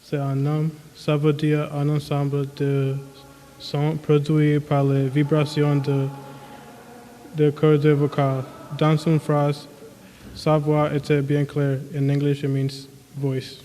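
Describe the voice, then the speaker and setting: A man's voice: a little high, monotone, slow pace, warm tone. A man, a student presenter, reading a prepared word presentation carefully. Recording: long hall reverb, faint noise.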